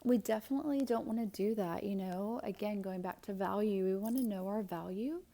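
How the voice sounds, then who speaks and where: A woman giving a casual tarot reading, chatty, with fillers and soft whispered asides. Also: medium pitch, creaky. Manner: slow, thoughtful delivery with fillers. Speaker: tarot and astrology reader.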